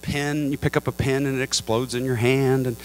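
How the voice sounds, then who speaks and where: A middle-aged male pastor preaching a Pentecostal sermon into a handheld mic, swinging from low, measured talk to high, fervent appeals and calling on the congregation to respond. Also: little pitch movement, a little hiss or hum. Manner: asks the crowd for response. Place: large church sanctuary with a congregation. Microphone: handheld microphone.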